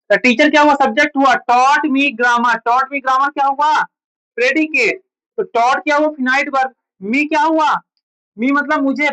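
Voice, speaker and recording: This grammar teacher has a high, bright, smooth voice with a forceful edge, and she repeatedly quizzes the class before answering her own questions. It's a rough recording of a classroom lecture.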